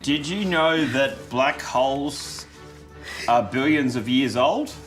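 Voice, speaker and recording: A man's voice: medium pitch, slow, a bit bright, soft background music. A man telling crude dad jokes as a challenge contestant, setting up a question and landing a blunt punchline. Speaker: contestant in a try-not-to-laugh joke challenge.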